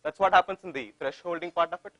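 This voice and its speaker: Indian guy doing a casual tech talk, higher voice, talks quick, asks himself questions. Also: a bit bright, dry recording, dull audio. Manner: repeats phrases, asks and answers his own questions. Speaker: tech conference presenter. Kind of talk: informal technical presentation.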